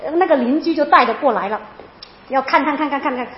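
High, fast-talking woman in an echoey room. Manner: animated, emotional retelling with many repeats. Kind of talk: personal testimony storytelling. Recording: roomy, dull lo-fi sound.

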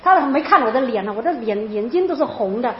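High, fast-talking woman in an echoey room. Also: a little hiss or hum. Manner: animated, emotional retelling with many repeats. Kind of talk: personal testimony storytelling. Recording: roomy, dull lo-fi sound.

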